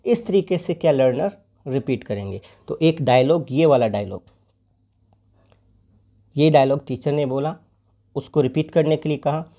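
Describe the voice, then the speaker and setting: A teacher giving an exam-prep lecture, reading English lines slowly and explaining them in Hindi while asking and answering rhetorical questions. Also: mid-range voice, animated, warm tone.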